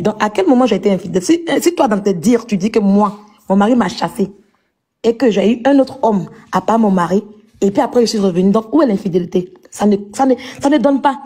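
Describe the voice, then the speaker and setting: A woman's voice: a little high, mellow. A woman at home at night, arguing point by point on a live stream and scornfully insulting her rival. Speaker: live-stream clash participant. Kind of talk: heated live-stream argument.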